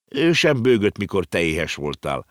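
A man's voice: deep voice, big pitch swings, a bit bright, no echo, clean studio sound. A man voicing a sensible, blunt young boy in an audiobook reading.

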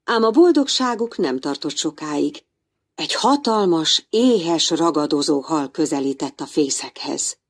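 Low husky woman reading a storybook. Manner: expressive, lively storytelling. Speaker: narrator.

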